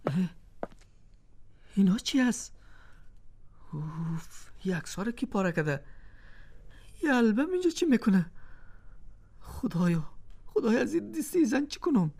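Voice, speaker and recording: A woman's voice: medium pitch, big pitch swings, long pauses, a little mellow. A woman voicing a husband accused of cheating, exasperated and pleading.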